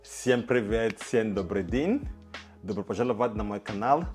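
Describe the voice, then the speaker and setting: A man hosting his own channel, giving a slow, careful, scripted introduction. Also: fairly low pitch, animated, darkish tone. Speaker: YouTube channel host. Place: outdoors in a city. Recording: background music. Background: music.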